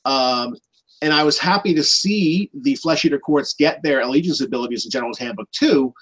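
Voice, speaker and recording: A man's voice: fairly high pitch, rough recording. A man talking as a guest on a tabletop gaming show, explaining in a conversational way with frequent fillers. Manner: conversational, frequent "you know". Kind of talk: casual hobby gaming discussion.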